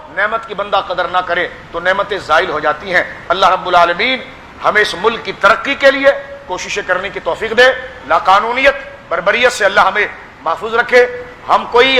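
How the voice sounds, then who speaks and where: The recording has a big-room sound and a slight hiss or hum. A pir with a Pakistani Urdu accent preaches fervently to a gathering in a high, bright, forceful voice, exhorting the listeners he calls his children.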